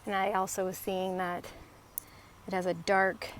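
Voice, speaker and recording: A woman talking casually as she walks outside, explaining things in short, halting, conversational phrases. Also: mid-range voice, flat delivery. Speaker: host of an outdoor tree identification vlog. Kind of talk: casual talk to camera while out walking. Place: outdoors along a residential street on a walk. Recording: faint outdoor background noise.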